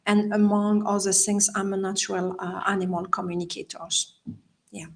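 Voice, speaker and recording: Over a noisy crowd, a woman from Belgium talks in a flat, medium-pitched voice at normal speed. A native French speaker with a Belgian French accent, she is a healer and life coach appearing as a podcast guest via video call, laughing frequently and phrasing things non-natively in casual conversation.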